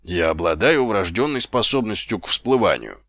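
A man voicing a slow, timid, middle-aged male sergeant who talks hesitantly and grumbles, in an audiobook. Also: lowish voice, lively intonation, a bit bright, dry recording, voice pushed down.

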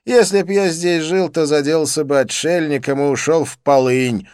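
A man's voice: on the high side, fairly even intonation, normal speed, smooth, no room sound, clean studio sound, pitched above the performer's own voice, close to an everyday voice. A man doing a manic, giggly wild young man. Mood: manic glee. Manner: raised, loud, exclaiming delivery with giggles.

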